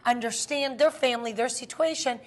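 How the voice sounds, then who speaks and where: High-pitched woman co-hosting a talk show. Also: fairly quick. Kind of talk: conversational panel discussion.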